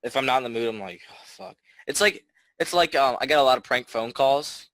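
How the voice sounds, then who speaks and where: A teenage boy chatting loosely on a podcast, stacking fillers and swear words and letting his sentences fade out quietly. His voice sits mid-range, recorded close and dry with no room sound. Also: medium pitch, quick pace, dry recording, rough recording. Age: teens. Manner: rambling, filler-heavy, swearing, trailing off quietly. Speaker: podcast co-host. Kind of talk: casual chat.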